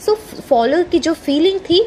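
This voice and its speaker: A woman's voice: extremely high pitch, expressive, unhurried, warm tone, a little hiss or hum. A woman teacher with an Indian accent who reads English story lines and explains them in a mix of Hindi and English.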